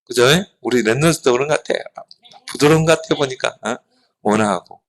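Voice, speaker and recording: A middle-aged man preaching a children's sermon, animated, asking the children questions and answering them himself. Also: mid-range voice, fast, poor audio. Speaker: pastor.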